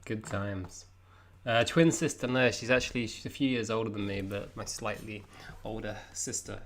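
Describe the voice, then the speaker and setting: A man's voice: on the low side, fairly even intonation, normal speed, a bit bright, soft background music. A young man with an English accent, hosting a casual live reaction, chatty and self-mocking. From England. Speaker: vlogger host.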